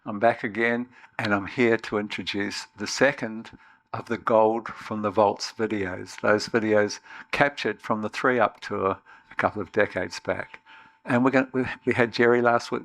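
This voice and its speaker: A man hosting a video series, giving a measured, scripted introduction with friendly well-wishes. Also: on the low side, vocal fry, fairly bright tone.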